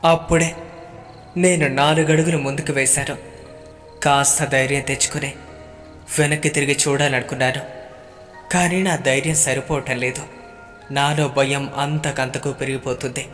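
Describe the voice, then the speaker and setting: A man telling a first-person horror story in a steady, measured storytelling voice. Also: medium pitch. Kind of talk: scripted horror narration. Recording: long reverb with faint background music.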